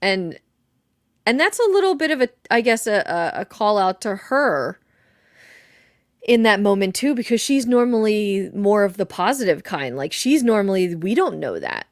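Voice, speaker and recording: A woman co-hosting a casual podcast, talking things through in a thoughtful, easygoing way with the odd laugh and curse. Her voice sits at a middle pitch. The recording is close and dry, with no room sound. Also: expressive, normal speed, no room sound. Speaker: podcast co-host. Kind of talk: casual chat analyzing a video game. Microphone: desk mic.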